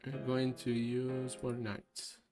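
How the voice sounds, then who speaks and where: Slow, patient man teaching English. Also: mid-range voice, completely flat delivery. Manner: explains slowly, switching between Spanish and English. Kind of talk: online English lesson. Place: online class over a video call. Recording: faint background music. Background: soft background music.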